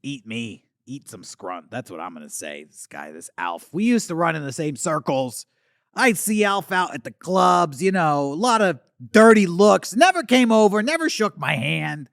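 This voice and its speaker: A man's voice: on the high side, very animated, normal speed, creaky, fairly bright tone, dry recording, clean studio sound, exaggerated voice. A man voicing a washed-up male alien star from the eighties who rambles and slurs, swinging between boasting and muttering, in a comedic monologue. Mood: bitter. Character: washed-up male 80s alien puppet star, boozy and bitter. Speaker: talk show host character.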